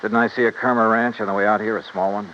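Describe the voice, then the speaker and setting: A fairly low, flat, sharp-toned male voice delivers hardboiled narration as a tough, brisk insurance investigator, the lead of a 1950s radio detective show. Clipped, probing and businesslike, it comes through a muffled old broadcast with music and a little hiss or hum.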